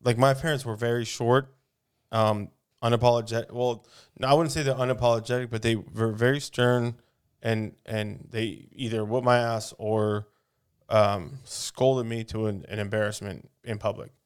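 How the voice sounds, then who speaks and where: A man's voice: mid-range voice, steady tone, normal speed, clean tone. A man chatting casually on a podcast, swearing a lot and asking the others questions. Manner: profane, rambling, asks questions. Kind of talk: casual chat.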